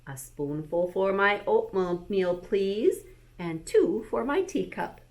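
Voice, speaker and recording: Woman reading as gentle, slow-spoken storybook zookeeper man. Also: medium pitch, expressive. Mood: polite. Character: gentle, polite old zookeeper man, unhurried storybook character.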